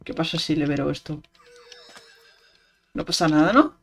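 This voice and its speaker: A streamer, giving casual gameplay commentary and talking to themselves, with sudden excited outbursts. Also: medium pitch, measured pace. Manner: chatty self-talk with sudden excited outbursts.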